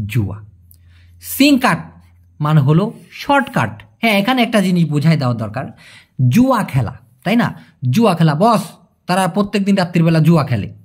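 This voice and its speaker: Lively language teacher. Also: medium pitch, husky. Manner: asks rhetorical questions and answers them, repeats words for emphasis; informal, chatty explaining with everyday examples. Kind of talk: casual video lesson.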